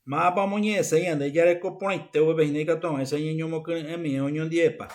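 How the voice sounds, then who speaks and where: A man's voice: fairly high pitch, steady tone, moderate pace, a little mellow. Male teacher lecturing. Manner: explains by mixing Spanish and Guaraní, with many repeated fillers. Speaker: Guaraní language teacher. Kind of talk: classroom lecture. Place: university classroom.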